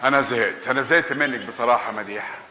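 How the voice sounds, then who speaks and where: An actor with an Egyptian accent playing a simple retired father and flustered husband, talking in a lively, pleading way. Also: mid-range voice, quick pace, some chatter behind, a little hiss or hum. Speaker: stage actor. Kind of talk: live comedic stage acting. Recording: roomy live stage sound.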